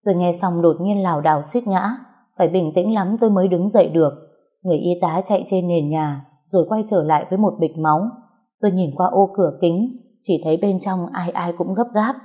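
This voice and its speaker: A woman reads a first-person story aloud in a soft, steady voice. Her voice sits low with a warm, mellow tone. It is scripted storytelling narration. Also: a little fast, husky.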